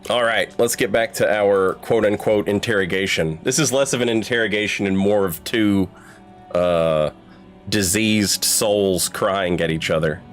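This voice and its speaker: With faint music behind him, a man hosting a game playthrough livestream talks in a loose, profane, conversational style. He has a fairly low voice and speaks a little slowly.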